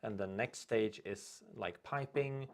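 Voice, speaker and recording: A young Swedish man with a lowish, gravelly voice hosts a casual livestream in English, his second language, speaking at a slow pace. He rambles, reads viewer comments aloud, and trips over his words.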